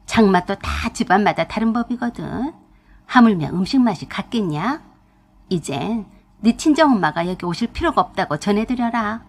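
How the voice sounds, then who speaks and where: A woman voicing a bossy, scolding older mother-in-law who lectures her daughter-in-law in a low, husky voice. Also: lively intonation, normal speed. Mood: lecturing. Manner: domineering, lecturing.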